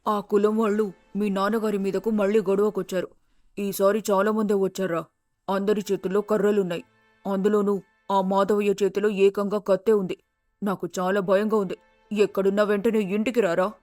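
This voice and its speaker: A fearful middle-aged village mother in a cartoon tale, voiced by a man, crying out in a raised, urgent tone. Her pitch sits well above a man's normal voice, while the delivery stays flat and monotonous. The recording is close and dry, with soft music underneath. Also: moderate pace, no room sound, close to an everyday voice. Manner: frightened, urgent, loud.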